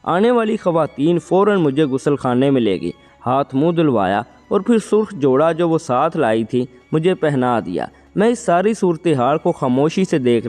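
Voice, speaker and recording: Expressive male storyteller with reverb. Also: on the high side. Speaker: narrator. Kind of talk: storytelling narration. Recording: long reverb, faint background music.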